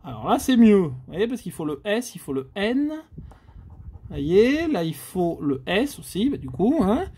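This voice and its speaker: A man's voice: high-pitched, very animated, measured pace, mellow, husky. A man from France giving casual commentary while scratching lottery tickets, exclaiming and groaning at each letter. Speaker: scratch-card vlogger.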